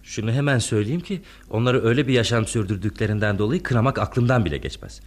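Radio play: earnest young lover, emphatic and expressive, played by a man. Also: mid-range voice, fast talker, close to an everyday voice. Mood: dejected. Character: earnest young suitor, frank and wry. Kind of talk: radio drama acting.

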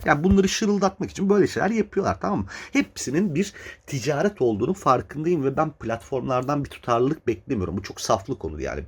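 A man's voice: medium pitch, husky. A man hosting a podcast, ranting in a heated, casual way, swearing and laughing in exasperated disbelief. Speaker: podcast host.

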